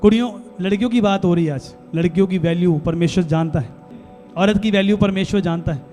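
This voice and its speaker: A pastor with a Punjabi accent preaches to his church in a high, ringing man's voice. He shifts between bold teaching and hushed voicings of worried people, with soft music faintly under him. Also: fast. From India. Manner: switches between preaching and quiet acted-out quotes of worried people. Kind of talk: sermon.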